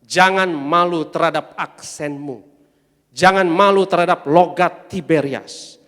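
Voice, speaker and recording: A man's voice: on the high side, unhurried, a bit bright, big-room sound. A man preaching a sermon as pastor, emphatic, calling on the congregation to answer back. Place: large church hall.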